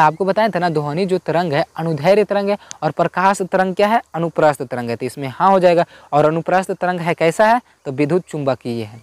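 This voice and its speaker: Man explaining physics answers, bit high-pitched. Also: no room sound. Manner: repetitive, asks and answers his own questions; informal colloquial Hindi. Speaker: teacher.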